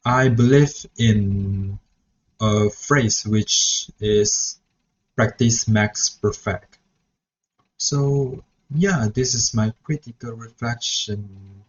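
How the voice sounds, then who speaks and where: Hesitant and often restarting with "so yeah," a young man raised speaking Mandarin shares a student-teaching reflection vlog. His voice is on the low side, and the dull lo-fi recording carries a little hiss or hum.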